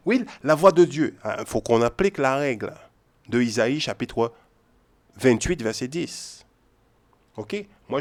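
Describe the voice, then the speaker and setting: Emphatic man teaching from the Bible. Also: a little high. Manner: repetitive, emphatic, keeps checking in with "ok?" and "hein?".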